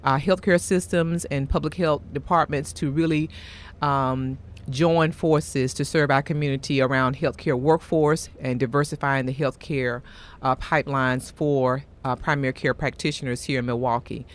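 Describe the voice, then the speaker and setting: A woman with a Mississippi accent speaking as a guest in a radio interview, explaining things in a formal, measured, courteous way. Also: extremely low pitch, steady tone. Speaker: guest, health education executive director.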